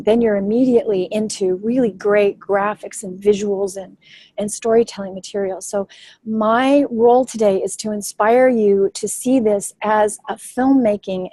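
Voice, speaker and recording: A woman's voice: mid-range voice, dark tone, breathy edge, dry recording, rough recording. A filmmaker woman leading a webinar workshop on storytelling, speaking in an enthusiastic, fluent, teacherly way over a video call. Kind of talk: webinar presentation.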